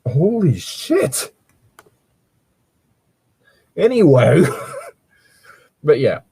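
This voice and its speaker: This co-host of a fan fiction reading show reads aloud and casually comments on the text, swearing freely as he reacts. His voice is a little high with wildly swooping pitch, very slow, mellow and slightly rough with vocal fry, in a dry recording.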